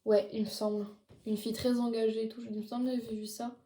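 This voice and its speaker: A woman's voice: fairly high pitch, flat delivery, quick pace, warm tone. Chatty teenage girl in an echoey room. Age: late teens. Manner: chatty, many fillers like "genre" and "du coup". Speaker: vlogger. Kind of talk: casual haul video chat. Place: her bedroom.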